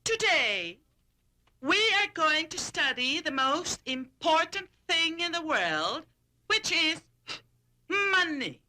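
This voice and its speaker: A slow pompous teacher. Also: female voice, sits high, big pitch swings, pushed and bright, a little hiss or hum, full character voice. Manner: slow, drawn-out classroom delivery. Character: theatrical female teacher, pompous and dramatic. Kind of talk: comedic film acting.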